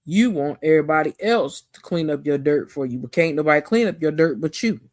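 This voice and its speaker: A woman giving a casual, animated, slangy recap of a TV episode as a show reviewer. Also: sits low, a little fast, no echo, clean studio sound.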